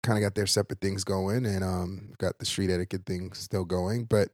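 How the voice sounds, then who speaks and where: A man talks in a low, easygoing voice, laughing readily and swearing casually. The recording is dry and close, with no room sound. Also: normal speed, dry recording. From Haiti, raised in New York. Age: 40s. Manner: relaxed, lively, laughs often, swears casually. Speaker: guest, brand founder. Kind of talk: casual interview chat.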